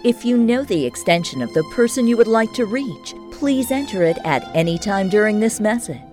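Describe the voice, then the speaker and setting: A woman voicing phone greetings and menu prompts, polished, friendly and clearly enunciated. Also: mid-range voice, sing-song, moderate pace, darkish tone, soft background music. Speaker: phone system voice-over artist.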